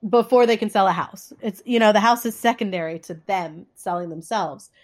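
A woman speaks as a guest in a relaxed interview format. Her nose is stuffed up with a cold, giving her words a congested sound. Her pitch is average and she explains things haltingly. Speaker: interview guest, author and coach. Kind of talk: conversational podcast interview.

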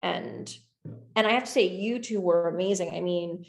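A woman's voice: fairly low pitch, moderate pace, vocal fry, reverberant. A young adult woman talking casually and enthusiastically about making her film, rambling with lots of fillers. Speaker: filmmaker discussing her film. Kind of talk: casual conversation.

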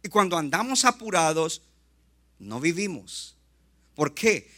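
A male pastor preaching a lively sermon, often acting out short asides and quotes. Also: a little high. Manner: animated preaching, acts out quick asides.

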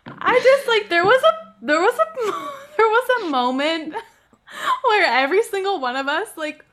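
A young woman chatting casually, giggly and excitable. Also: extremely high pitch, measured pace, heavy background noise. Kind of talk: casual chat.

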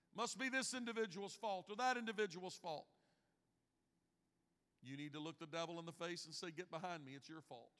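A man in his fifties preaches with a notably high voice, dropping to a near hush and then rising to emphatic bursts. His words ring out with a long reverb tail from the church hall. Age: 50s. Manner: preaching with big swings in loudness, from hushed to shouting. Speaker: pastor. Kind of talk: sermon. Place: church sanctuary.

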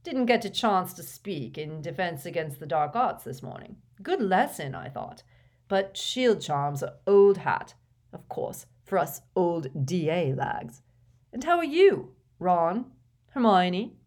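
A woman's voice: on the low side, big pitch swings, takes it slowly, darkish tone, full character voice. A woman voicing a pompous teenage schoolboy who speaks in a portentous, self-important way.

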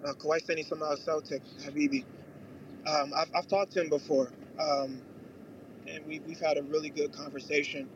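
A man calling in on his phone while driving, talking politely with many fillers and pauses. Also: on the high side, level tone. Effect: phone in a moving car, road noise behind. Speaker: participant calling into an online audio room. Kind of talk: casual chat. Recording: muffled phone line with car static.

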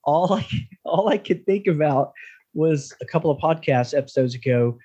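A man hosting a casual podcast, speaking in a slightly raised pitch. He chats loosely and laughs as he tells stories, leading into an interview with a guest. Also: expressive, moderate pace, dark tone, slightly rough, lo-fi sound. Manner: laughing, chatty storytelling. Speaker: podcast host.

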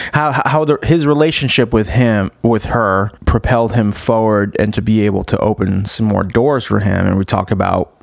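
With a lowish voice and some vocal fry, this thirty-something man rambles enthusiastically through a casual podcast intro and chat, full of fillers and false starts. The recording has no room sound.

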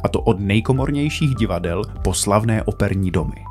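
A man presenting a culture news report as measured, formal scripted narration. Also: on the low side, animated, darkish tone, soft background music.

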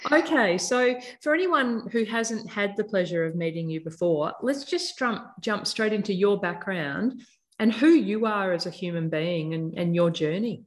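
A woman's voice: mid-range voice, lively intonation, moderate pace. A woman hosting a podcast interview, friendly and playfully teasing her guest. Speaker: podcast host.

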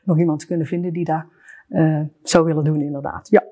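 A woman's voice: low voice, level tone, mellow. A woman in her fifties, a mother speaking candidly in an interview, often restarting and hesitating as she searches for words. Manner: candid, halting, with frequent restarts and fillers. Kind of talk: emotional personal interview.

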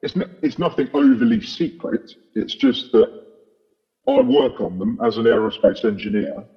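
A man's voice: wildly swooping pitch, moderate pace, creaky, slightly rough. A man with his voice electronically altered to hide his identity, a podcast guest who works as an aerospace engineer and speaks hesitantly with many fillers and restarts. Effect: voice electronically altered and deepened to hide his identity. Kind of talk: casual interview chat. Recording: dull lo-fi processed audio.

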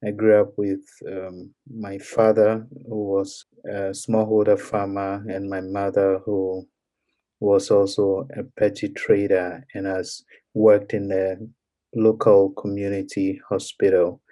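A young man with a Ghanaian accent, a guest in a podcast interview, speaking in a measured way with frequent pauses and fillers. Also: lowish voice, little pitch movement, dark tone. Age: young adult.

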